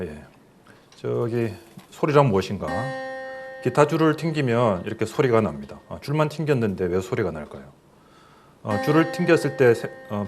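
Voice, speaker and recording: Man, middle-aged, lecturing, lowish voice, patient explainer, asks questions. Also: darkish tone, slight background noise. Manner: plain explanatory, fillers, asks questions to listeners. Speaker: professor giving a lecture. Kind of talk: recorded medical lecture.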